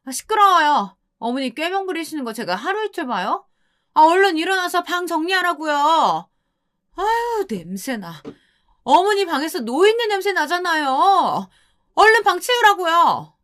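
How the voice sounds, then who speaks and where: A woman's voice: sits high, very animated, moderate pace, fairly bright tone, pitched above the performer's own voice. A woman voicing a bossy young wife who shrilly scolds her mother-in-law. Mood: shrill scolding.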